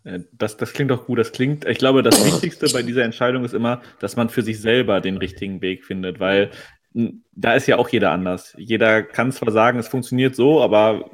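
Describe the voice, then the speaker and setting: A man with a mid-pitched voice co-hosts a casual podcast. He asks his questions in a curious, friendly way. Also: brisk, slight background noise. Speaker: podcast co-host.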